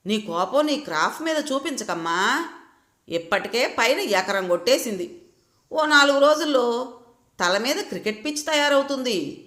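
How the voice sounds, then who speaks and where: A woman's voice: on the high side, lively intonation, measured pace, long pauses, fairly bright tone, voice pushed up. A woman voicing a playful young wife who teases her husband, in a roomy echo. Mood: teasing. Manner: teasing, mischievous.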